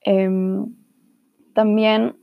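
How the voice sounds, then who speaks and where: A woman's voice: medium pitch, flat delivery, drawn-out words, creaky, no echo, highs cut off. A young woman from Ecuador hosting a casual podcast, talking reflectively with fillers about living on her own as a student. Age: young adult. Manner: reflective, talks with many fillers. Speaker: podcast host. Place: Germany.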